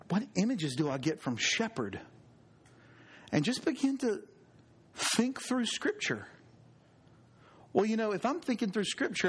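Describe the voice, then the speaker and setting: A man, preaching a conversational sermon with earnest, drawn-out emphasis on key words. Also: on the high side, husky. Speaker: pastor.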